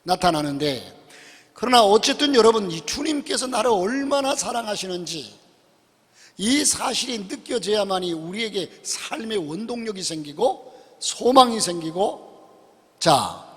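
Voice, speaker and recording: A man preaching a sermon as a pastor in a church sanctuary, swinging between loud emphatic rises and quiet asides. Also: sits high, breathy edge. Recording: long church hall reverb.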